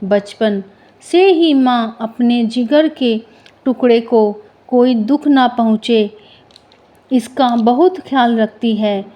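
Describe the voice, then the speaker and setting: A woman's voice: on the high side, slow, dark tone. A woman reciting a tender devotional poem and narrating a story as the host of a storytelling channel.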